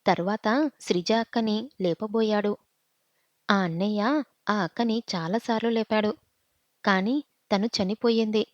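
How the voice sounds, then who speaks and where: A woman's voice: mid-range voice, unhurried, pauses often, a little mellow, no room sound, lightly acted. A woman voicing a frightened young girl recounting what she saw, in a dull, dry recording.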